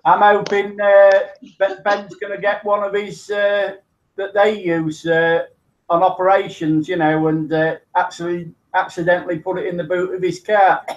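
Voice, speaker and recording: A man's voice: high-pitched, flat delivery, moderate pace. Hesitant man, lo-fi sound. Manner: hesitant, many restarts, laughs along. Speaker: guest on live stream. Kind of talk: casual live-stream chat.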